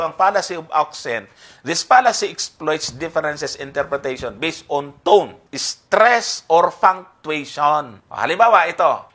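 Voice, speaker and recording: Male Bible teacher, earnest and explanatory, slightly high, bright tense voice. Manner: earnest, explanatory, reads verses aloud with heavy emphasis; addresses listeners as brothers and sisters, polite particles.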